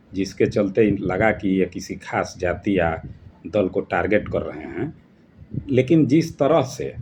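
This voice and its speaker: A man's voice: fairly low pitch, a little mellow, highs cut off, a little hiss or hum. A man from Bihar, giving an earnest, emphatic solo political commentary.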